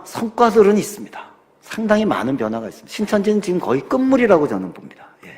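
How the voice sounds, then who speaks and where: A man preaching a sermon as a pastor, telling a story with dramatic voice changes and dropping at times to a near-whisper. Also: a little high. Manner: dramatic storytelling, acting out quoted parents and son; swings from loud exhortation to near-whisper. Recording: long hall reverb.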